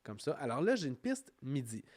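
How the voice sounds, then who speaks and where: A man with a Quebec French accent narrating an informal software tutorial, explaining step by step in a conversational way. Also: mid-range voice, big pitch swings, normal speed, breathy edge. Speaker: music software instructor.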